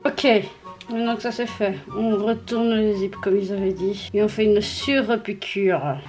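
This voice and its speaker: A young woman vlogging while she sews, chatting in a jokey, excitable way and talking herself through her nerves. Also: mid-range voice, measured pace, faint music behind. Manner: excitable, jokey, nervous self-talk. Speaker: sewing vlogger. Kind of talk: casual vlog chat while sewing.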